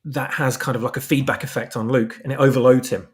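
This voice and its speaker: Here the guest, a fan fiction author on a podcast, talks fast in a mid-range voice with fairly even intonation. It's a casual lore discussion where he explains at length, repeating words as he goes.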